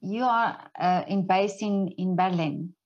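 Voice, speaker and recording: A woman interviewer asking questions in a halting, stop-start way. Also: fairly low pitch. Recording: slightly dull, off-mic sound.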